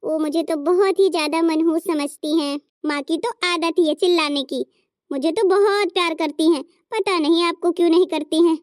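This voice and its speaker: A patient, soft-spoken young daughter-in-law in a cartoon family drama, as a woman acts her out. She speaks very high and gently, giving advice. The recording is close and dry. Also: moderate pace, no room sound. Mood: gentle. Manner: gentle, advising. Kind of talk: cartoon story voice acting.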